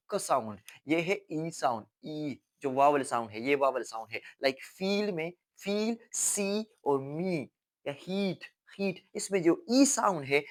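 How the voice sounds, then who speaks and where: Young man teaching grammar, slow and repetitive. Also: a little high. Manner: explains slowly, mixes English terms into Hindi, repeats key words. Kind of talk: classroom lesson.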